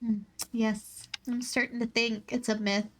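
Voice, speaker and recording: A woman's voice: on the high side, little pitch movement, measured pace. A woman streamer chatting casually with her chat while playing a game, rambling and self-mocking, often laughing at her own jokes. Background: soft background music.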